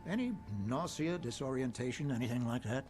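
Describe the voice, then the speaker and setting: An actor playing a calm male doctor who asks a patient clinical questions. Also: mid-range voice, brisk, over music, close to an everyday voice.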